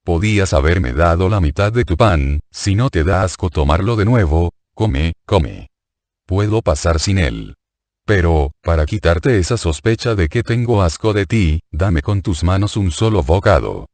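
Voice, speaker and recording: A man voicing a calm, gentle male religious teacher who speaks kindly. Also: low voice, measured pace, no echo.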